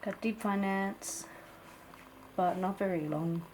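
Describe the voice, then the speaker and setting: A woman playing a blunt, teasing palm reader in an ASMR role-play, with a Singaporean or Malaysian English accent, clipped grammar and deadpan, musing delivery. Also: mid-range voice, takes it slowly, lightly acted, low-quality recording. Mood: pondering, teasing. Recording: clear steady background noise.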